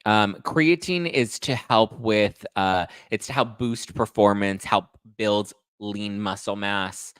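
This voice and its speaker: Hosting a laid-back gossip livestream about pop culture, this thirties-aged man speaks slowly with few pauses, his voice on the low side, a bit bright and smooth. There's no echo, and he keeps things sassy, slangy and playful, addressing listeners as honey and boo.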